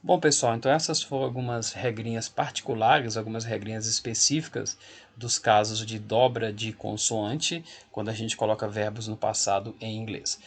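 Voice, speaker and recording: A man's voice: on the low side, fairly even intonation, normal speed, slightly rough. A man teaching an English grammar lesson to school students, explaining patiently and repeating key points to reassure them.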